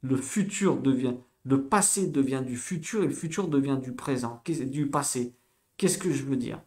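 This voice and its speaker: Animated man teaching letter by letter. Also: medium pitch. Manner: animated, repeats himself, spells sounds out slowly. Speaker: Hebrew teacher. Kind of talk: casual spoken lesson.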